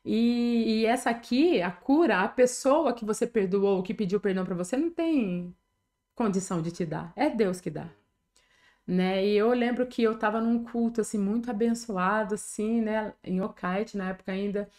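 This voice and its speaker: A woman's voice: medium pitch, moderate pace, a little mellow. A middle-aged Brazilian woman pastor with a Brazilian Portuguese accent, sharing a personal testimony in an earnest, conversational way and often ending sentences with a tag question.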